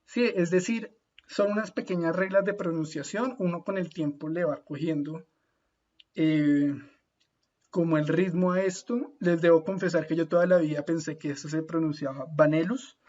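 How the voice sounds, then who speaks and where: Man, online lecture, slightly high voice, muffled call audio, patient, checks in often. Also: steady tone, darkish tone. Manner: slows down to spell out Latin names. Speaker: speaker at an online talk. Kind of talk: informal lecture. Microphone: video call audio.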